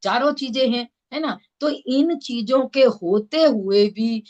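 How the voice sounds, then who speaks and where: A woman with an Indore Hindi accent teaches a religious scripture class, explaining through everyday examples and often checking that listeners understand. Her voice is fairly high and a little mellow, she takes it slowly, and the sound is lo-fi.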